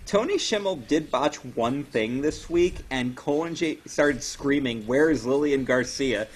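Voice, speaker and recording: A man's voice: mid-range voice, lively intonation, a little slow, slightly rough. A man co-hosting a casual podcast chat, sarcastic and opinionated. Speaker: podcast co-host.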